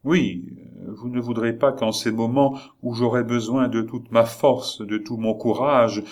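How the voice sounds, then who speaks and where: A man's voice: medium pitch, steady tone, unhurried, a little mellow, natural voice. A man reading the part of a melancholy queen, speaking in a sorrowful, imploring way as part of an audiobook of a novel. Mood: pleading. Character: melancholy pleading queen, woman, middle-aged.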